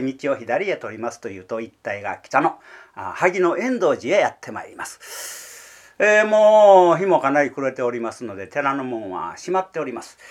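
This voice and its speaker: A man narrating a rakugo tale vividly in a Kansai accent. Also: mid-range voice. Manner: vivid, theatrical scene-setting. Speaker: rakugo storyteller.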